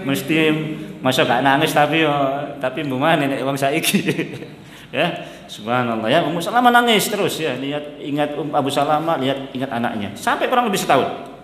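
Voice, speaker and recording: In an echoey hall with long reverb, a male Islamic preacher gives a religious study lecture in a fairly quick, expressive voice that sits on the high side with a fairly bright tone. He's chatty, laughs, often checks that listeners are following, mixes in Javanese phrases and chants Arabic text.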